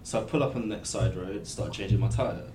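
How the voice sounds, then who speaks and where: A man's voice: fairly low pitch, quick pace. A man chatting casually and telling stories in a jokey, self-deprecating way. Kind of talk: casual storytelling chat. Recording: roomy echo with faint noise.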